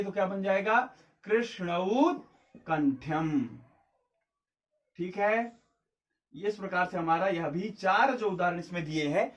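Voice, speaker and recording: A man's voice: high voice, recorded from a distance. A man teaching a Sanskrit grammar lesson for exam prep, explaining step by step and asking and answering his own questions.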